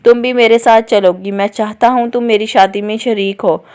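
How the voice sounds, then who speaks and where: A woman's voice: a little high, moderate pace, smooth, natural voice. A woman doing a cold, bossy young husband. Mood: cold commanding. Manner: curt, flat, commanding.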